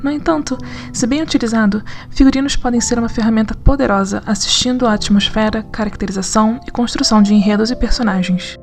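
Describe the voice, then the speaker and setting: A woman narrating a scripted essay in an analytical, conversational way with lively asides. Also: on the high side, quick pace, soft background music. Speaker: narrator and writer.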